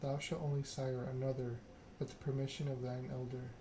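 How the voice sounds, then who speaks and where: The host, a man streaming games, speaks quietly in ASMR fashion, reading aloud and talking with his chat. His pitch is medium and his intonation flat, with a measured, stop-start delivery, and the ambient recording is noisy.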